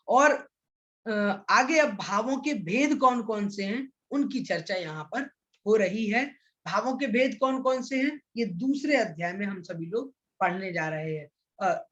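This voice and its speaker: High-voiced man teaching, dull lo-fi recording. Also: fairly bright tone. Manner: poses questions and answers them himself; chants verses slowly and deliberately. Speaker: scripture teacher. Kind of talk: explanatory lesson.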